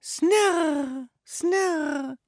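A man voicing an excitable, boisterous grown Viking in a storybook reading, with a squeaky, exaggerated, drawn-out delivery. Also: no room sound, studio quality, full character voice. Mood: excited.

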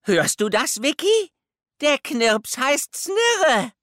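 A squeaky excitable Viking. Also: male voice, dry recording, clean studio sound, full character voice. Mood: excited. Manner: squeaky, exaggerated, drawn-out. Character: excitable grown Viking man, boisterous. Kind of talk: storybook reading.

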